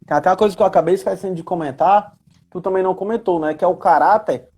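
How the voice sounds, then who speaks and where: This educator, a guest on a live chat, has a high-pitched, husky voice with a darkish tone and rapid-fire delivery. He carries a Northeastern Brazilian accent from Ceará and explains things casually and conversationally, often checking in with tag questions.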